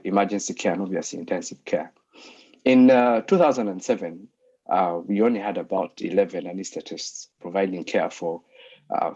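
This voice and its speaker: Man from uganda, low husky voice, muffled call audio, lots of uhs. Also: darkish tone. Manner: hesitant, many fillers and restarts. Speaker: anesthetist and lecturer giving a talk. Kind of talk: online presentation. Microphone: video call.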